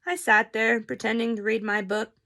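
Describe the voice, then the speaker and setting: A young adult woman vlogger tells a story in a casual, animated way and swears freely. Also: medium pitch, normal speed, creaky. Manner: animated, profane, chatty.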